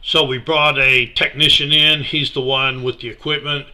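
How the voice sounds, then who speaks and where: A middle-aged man with a mid-range voice gives a casual slideshow presentation about a mission project. He sounds relaxed and unhurried and uses many fillers.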